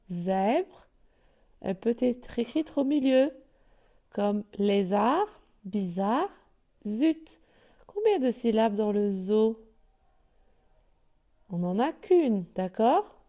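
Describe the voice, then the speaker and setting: Patient woman teaching reading slowly. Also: mid-range voice, dark tone. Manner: slow, patient, drawn-out word reading. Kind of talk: reading lesson for young children.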